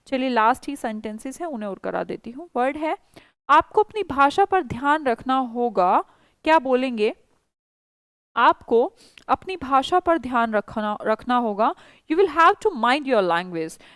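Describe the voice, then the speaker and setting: High, clear-voiced teacher woman with Indian accent. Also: a bit bright, dry recording. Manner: coaxing, reassuring, mixes English into speech. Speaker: spoken English teacher. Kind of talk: online class teaching.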